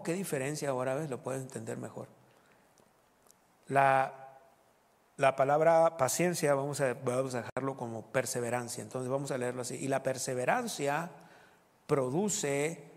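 A man preaching a sermon, reading scripture aloud and explaining it, with playful asides and loud exclamations. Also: mid-range voice, long reverb tail. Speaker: pastor.

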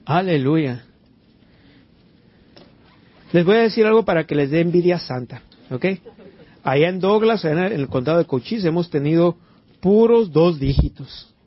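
Husky pastor preaching. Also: male voice, on the high side, animated, fairly quick. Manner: preachy, asks the congregation questions, interjects amen and hallelujah. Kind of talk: sermon. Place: church before a congregation. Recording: dull lo-fi church recording.

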